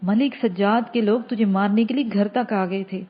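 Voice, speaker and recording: A woman voicing an elderly village mother who comforts her son in a gentle, motherly way. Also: mid-range voice, fairly even intonation, dull audio, lightly acted. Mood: reassuring.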